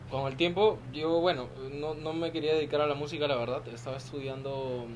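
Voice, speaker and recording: A man's voice: a little high, steady tone, brisk. A man speaking as a musician guest in a casual, informal interview chat. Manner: joking, informal. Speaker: band vocalist, podcast guest. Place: outdoor home terrace. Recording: noisy outdoor terrace ambience.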